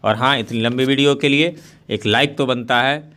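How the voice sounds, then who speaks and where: A man's voice: mid-range voice, normal speed, a bit bright. A man from India, an English teacher, explaining a play line by line in a lesson with an Indian English accent, switching between Hindi and English.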